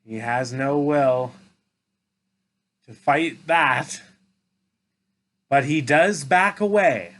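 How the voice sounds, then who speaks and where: A man's voice: mid-range voice, very slow, long pauses, fairly bright tone. A man hosting a movie reaction, giving casual commentary on a film.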